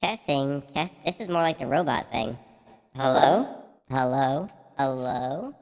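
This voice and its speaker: A man's voice: medium pitch, expressive, a little slow, long reverb tail. A streamer, a man, testing his mic while his voice comes out through a metallic robot filter, puzzled and repeating test words. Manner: repetitive, puzzled checking of sound.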